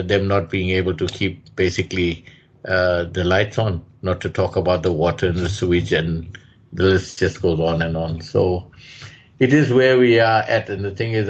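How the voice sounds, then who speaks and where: A man co-hosting a radio talk show, speaking in a measured, hesitant way with many fillers. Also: deep voice, breathy edge. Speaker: radio co-host. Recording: dull lo-fi radio sound.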